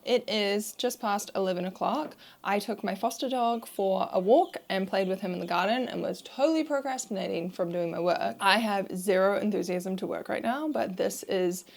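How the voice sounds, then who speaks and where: A young woman talks straight to camera in a relaxed vlog, candid and a little self-mocking. Her mid-pitched voice has a gravelly fry at the ends of phrases, and she sounds close to a clip-on mic. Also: moderate pace, few pauses. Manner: chatty, candid, self-deprecating. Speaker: social media manager vlogger. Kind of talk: casual vlog talk to camera. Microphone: wireless clip-on mic.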